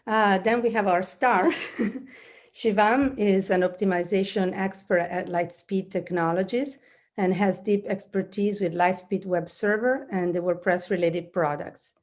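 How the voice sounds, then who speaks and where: A woman's voice: mid-range voice, fairly even intonation, unhurried. A middle-aged woman hosting a webinar on a webcam video call. She speaks in a friendly way, with hesitant fillers and small restarts. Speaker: webinar host.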